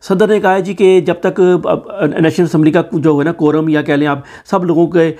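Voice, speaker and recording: A man with a Pakistani Urdu accent runs his own political news commentary. His voice sits fairly high. He talks with a sarcastic, mocking edge. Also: steady tone, normal speed, warm tone.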